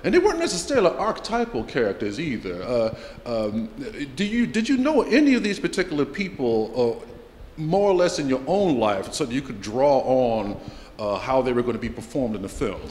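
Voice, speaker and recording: A man's voice: mid-range voice, sing-song, fairly quick, a little mellow, slight background noise. A man interviewing a filmmaker in a casual, playful way, stumbling over repeated words. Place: film festival venue. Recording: echoey hall with faint ambience.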